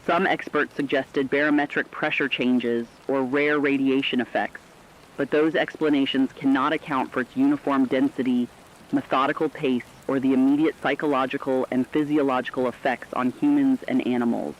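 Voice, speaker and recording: In a scripted emergency radio drama, a man plays a solemn, formal news anchor delivering emphatic, urgent warnings. His natural, medium-pitched voice keeps a fairly even intonation at a moderate pace, heard through dull lo-fi radio sound with rainy noise.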